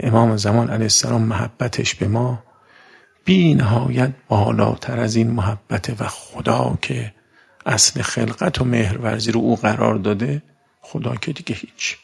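A man preaching a conversational sermon in a colloquial way, slowing down for emphasis and asking his listeners rhetorical questions. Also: medium pitch, vocal fry, breathy edge.

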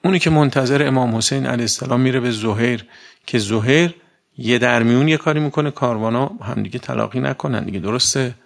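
A man preaching a conversational sermon in a colloquial way, slowing down for emphasis and asking his listeners rhetorical questions. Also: mid-range voice, gravelly.

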